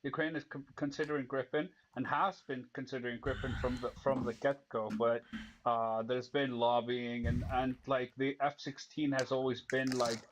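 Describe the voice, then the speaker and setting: A man's voice: medium pitch, flat delivery, moderate pace, background noise. A man from Iceland, a guest debater in casual chat, who knows his subject and often restarts his sentences.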